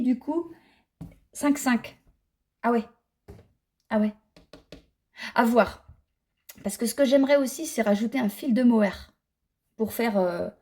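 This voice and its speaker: A woman's voice: fairly high pitch, warm tone. A middle-aged woman chatting casually in a knitting vlog, rambling and self-mocking as she talks. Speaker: knitting vlogger. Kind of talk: casual chat.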